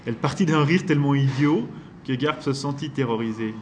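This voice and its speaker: A man narrating a novel in a steady, measured reading voice. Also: medium pitch, slight background noise. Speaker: audiobook narrator.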